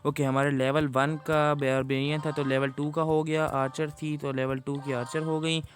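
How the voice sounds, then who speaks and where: A man's voice: on the high side, little pitch movement, moderate pace. A man giving chatty, casual gameplay commentary to his viewers. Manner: chatty, addresses viewers as guys. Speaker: gaming YouTuber.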